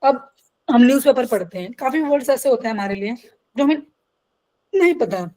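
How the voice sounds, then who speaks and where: A woman teaches a live online class, and her voice sits a little high. She reads English definitions slowly and then explains them in quick Hindi. She often stops to check that her students have understood. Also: expressive, warm tone, poor audio. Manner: asks checking questions. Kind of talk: online lecture. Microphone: video call.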